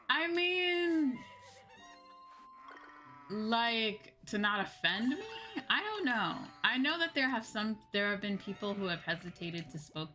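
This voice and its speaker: A woman with a fairly low pitch and a sharp tone livestreams a game, chatting casually with her viewers. She thinks aloud, rambling and often trailing off mid-thought.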